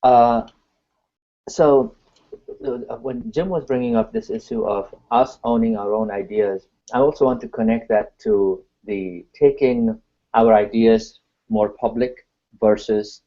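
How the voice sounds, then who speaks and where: A Nepali-speaking man from Nepal takes part in an online video call discussion, earnest and stacking his points in lists. His voice is mellow and on the low side, and the video call audio sounds muffled.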